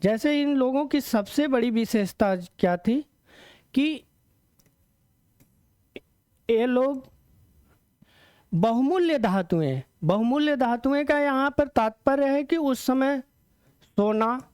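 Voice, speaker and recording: A male teacher gives an exam-prep lecture in a smooth, clear voice. He explains step by step, repeats key terms and asks himself questions before answering them. The sound is close and dry, with no room echo. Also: very high voice, animated, slow, long pauses, a little mellow.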